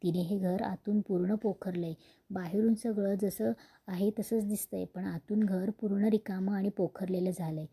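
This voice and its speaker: A woman voicing a calm, wise elderly grandmother who speaks soothingly. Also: mid-range voice, moderate pace, slightly rough. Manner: soothing, advising.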